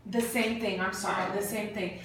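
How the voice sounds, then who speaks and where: A woman's voice: mid-range voice, fairly even intonation, normal speed, fairly bright tone. A woman clinician giving step-by-step exam instructions in an encouraging way, with short bits of praise. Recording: very echoey room, distant mic, faint noise.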